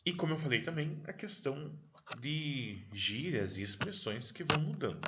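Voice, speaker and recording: A man's voice: fairly high pitch, lively intonation, normal speed, pushed and bright, lo-fi sound, a little hiss or hum. A male teacher with a Paraná accent giving a recorded class lecture, chatty and digressive, constantly checking in with the listener. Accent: Paraná, southern Brazil.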